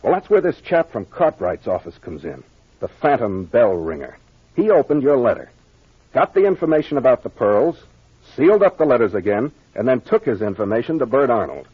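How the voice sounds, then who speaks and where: An American man plays a brisk, self-assured captain explaining how a mystery was solved, in the manner of 1940s radio drama. He's plain-spoken, authoritative and expository, dropping gangster slang, with a medium pitch, a very animated delivery and a breathy edge. The vintage recording is dull and lo-fi.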